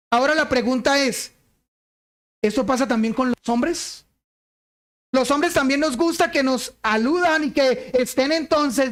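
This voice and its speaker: A man preaching a sermon, speaking deliberately and asking the congregation rhetorical questions. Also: extremely high pitch. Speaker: pastor.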